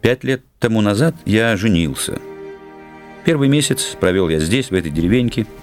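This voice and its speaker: A man narrating a classic story as an audiobook, in a measured, unhurried literary reading. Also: lowish voice, expressive, faint music behind.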